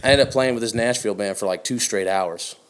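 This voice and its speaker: A man's voice: on the low side, quick pace, a little hiss or hum. A young man from Canada, a musician guest, telling stories in loose casual chat with many fillers. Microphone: podcast studio mic.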